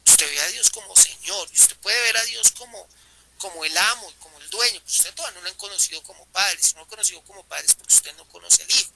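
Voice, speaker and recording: A man's voice: high voice, fast talker, vocal fry, sharp tone, low-quality recording. A man with a Colombian accent leading a Bible study group, often putting rhetorical questions to his listeners and repeating phrases.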